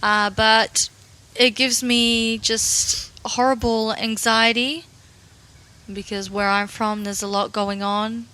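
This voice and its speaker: Flat-voiced young woman from Russia. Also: a little high, slow, clear, resonant tone. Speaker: podcast co-host. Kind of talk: casual chat.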